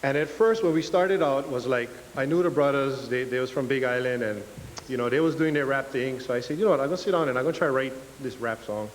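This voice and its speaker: Talking fast in a mid-range voice, this young Hawaiian man jokes his way nervously through a guest lecture, often poking fun at himself. His Hawaiian Pidgin accent echoes in a reverberant hall, with faint hiss on the recording.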